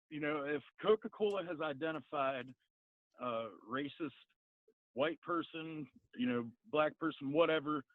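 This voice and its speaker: A man with an American hillbilly twang calls in by phone, arguing in a plain-spoken, halting way. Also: a little high, dry recording. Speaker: phone-in caller. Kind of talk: unscripted debate on a call-in show. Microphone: telephone. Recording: thin, narrow phone line.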